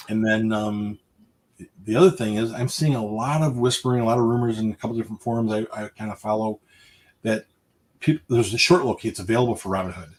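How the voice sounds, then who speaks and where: A man co-hosting a live stock market show, chatting casually with fillers and trailing off quietly at the ends of sentences. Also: lowish voice. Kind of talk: casual livestream market chat.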